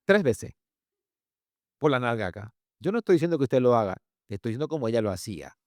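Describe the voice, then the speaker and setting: A man's voice: mid-range voice, fast talker, dry recording, clean studio sound. A man preaching a sermon about parenting, telling stories and acting out quotes with a lot of animation. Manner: animated storytelling, acts out quotes. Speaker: pastor and family speaker.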